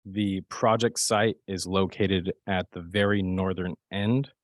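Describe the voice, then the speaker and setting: A man presenting as a project manager to a public board, hoarse and raspy from a cold, speaking in a steady, measured way. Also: low voice, no room sound. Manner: steady, measured delivery with occasional fillers. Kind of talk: formal staff presentation.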